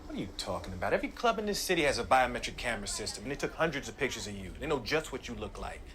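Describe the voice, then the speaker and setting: A fast-talking slick club owner. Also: male voice, medium pitch, sing-song, a bit bright. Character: slick, confident male nightclub owner. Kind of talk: film dialogue. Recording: film audio with music.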